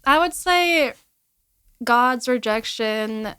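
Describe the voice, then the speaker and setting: A young woman with a higher voice hosts a casual podcast interview. She keeps her guest talking with short encouraging replies, asking easy questions along the way. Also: lively intonation, very slow, bright, forceful tone, clear, resonant tone. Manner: encouraging, frequent short backchannels and laughs. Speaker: podcast host.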